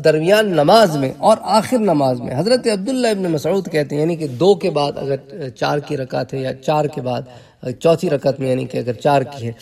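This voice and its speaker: A man's voice: fairly high pitch, darkish tone, far from the mic. A man who teaches religion, giving a lecture on prayer and explaining traditions step by step with asides to his listeners.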